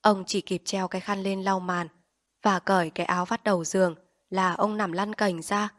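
A woman reads an audiobook in a calm, measured way, with a pitch in the middle of the range. The sound is dry and close, with no room echo. She tells the story in a steady, even voice. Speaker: narrator. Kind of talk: audiobook reading.

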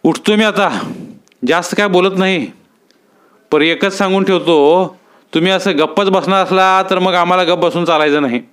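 A man's voice: high-pitched, moderate pace, fairly bright tone, voice pushed up. A man reading a story aloud, voicing Dajiba, a blunt, scheming village man with rustic speech. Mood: insistent.

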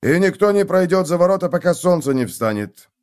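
A man doing a gruff, mocking guard sergeant. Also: high voice, animated, fairly quick, a little mellow, voice pushed up. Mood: stern. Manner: curt, growling, mocking. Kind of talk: audiobook character voice.

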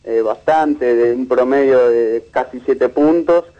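A man, a media researcher giving a measured, analytical interview with frequent restarts. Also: medium pitch, highs cut off.

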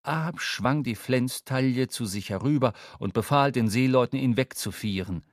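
A man's voice: medium pitch, no room sound, studio quality. Man narrating a radio drama. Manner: measured literary storytelling. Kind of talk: scripted narration.

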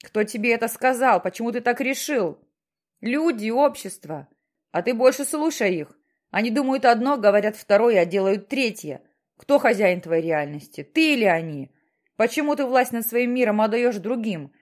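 A woman's voice: a little high, expressive, moderate pace, lightly acted. A woman voicing a stern, mysterious voice from the sky that questions and lectures insistently.

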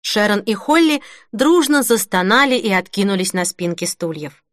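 A woman narrating an audiobook in an expressive storytelling read at a close microphone. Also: medium pitch, normal speed, dry recording. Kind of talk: scripted narration.

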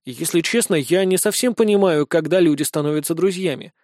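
A man's voice: on the high side, a little fast, a little mellow, no room sound, studio quality, lightly acted. A man voicing a naive young man who speaks in a plain, matter-of-fact, innocent way in an audiobook. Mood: earnest. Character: naive young man, earnest and literal-minded.

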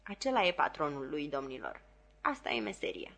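A vain, pompous male stage actor, played by a woman reader in a storybook reading. He speaks with a lofty, self-important air and a somewhat low voice. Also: huge pitch swings, creaky, a bit bright, full character voice.

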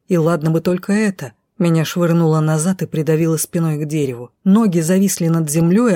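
Mellow woman narrating an audiobook. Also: fairly low pitch, no room sound, studio quality. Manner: expressive, dramatic reading. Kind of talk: first-person audiobook narration.

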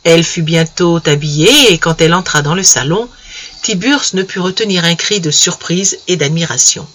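A man reads a classic story aloud with measured, expressive storytelling. His voice is high and bright, carrying a clear, lifted tone. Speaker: audiobook reader. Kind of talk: scripted literary narration.

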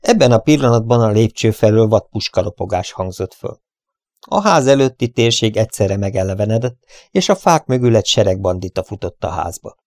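A man reading an adventure story aloud in a steady storytelling manner. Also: lowish voice, no room sound, studio quality. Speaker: audiobook narrator. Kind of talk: scripted adventure narration.

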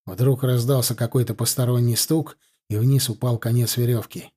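A man narrating an audiobook in a measured storytelling manner. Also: medium pitch, steady tone, mellow, breathy edge. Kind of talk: scripted narration.

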